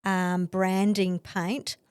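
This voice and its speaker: A middle-aged Australian woman telling her story as a podcast guest, animated, laughing often and acting out what others said. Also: medium pitch, very slow, clean tone, no echo. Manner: animated, acts out quoted voices, laughs often. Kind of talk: conversational storytelling.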